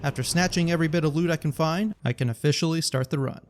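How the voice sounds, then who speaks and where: A man's voice: on the high side, fast talker, slight background noise. A man narrating his gameplay in a scripted commentary, with wry, joking asides. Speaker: gaming YouTuber.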